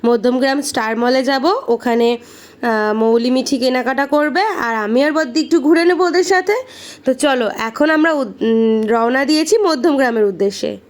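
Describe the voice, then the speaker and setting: High-voiced woman vlogging. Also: moderate pace. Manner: chatty, speaks straight to viewers. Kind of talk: casual vlog narration.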